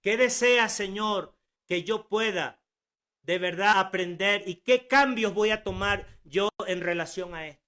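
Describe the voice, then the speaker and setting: A man in his sixties preaches a sermon at home in a high, bright, forceful voice, never rushing. He is earnest and exhorting, using rhetorical questions and repetition.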